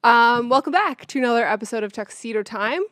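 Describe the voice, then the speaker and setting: A woman co-hosting a podcast in casual chat, excitable, laughing often and swearing freely. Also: a little high, a little fast, no room sound, studio quality. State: sweating in a costume. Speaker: podcast co-host.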